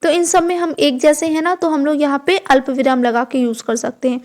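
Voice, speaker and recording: A woman's voice: high voice, steady tone, brisk, a little mellow. A young woman teaching an online grammar lesson for exam students, explaining step by step and asking herself questions before answering, with English words mixed into her speech.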